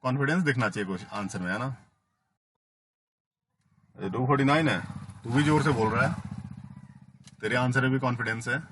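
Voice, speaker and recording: A man teaching math in a classroom lecture, often asking "है ना?" to check understanding and gently teasing students. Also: medium pitch, moderate pace, long pauses, slight background noise. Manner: coaxing, asks "है ना?" and "ठीक है?" after each step; playful teasing of students, calls them बेटा. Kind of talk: classroom lecture mixing Hindi and English.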